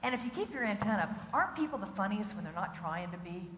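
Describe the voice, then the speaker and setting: A middle-aged woman giving a comic keynote talk, chatty and animated, asking the audience questions and laughing at her own jokes. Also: medium pitch, fast talker. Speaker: keynote speaker. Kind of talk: stand-up style comic keynote. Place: large conference hall. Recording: echoey hall with faint noise.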